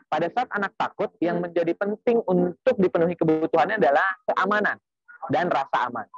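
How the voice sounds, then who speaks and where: Higher-pitched man giving a patient parenting lecture. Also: a little fast, vocal fry, husky, no room sound, dull audio, soft background music. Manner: explains patiently, with many tag "ya" asides and religious phrases. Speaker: parenting seminar speaker. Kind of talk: seminar lecture.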